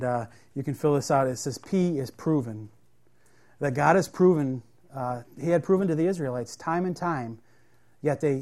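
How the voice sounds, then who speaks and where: A man's voice: mid-range voice, darkish tone. A man preaching a sermon, reading scripture aloud and then explaining it in a plain, conversational way with frequent fillers and restarts. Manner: plain-spoken, halting, many fillers and restarts.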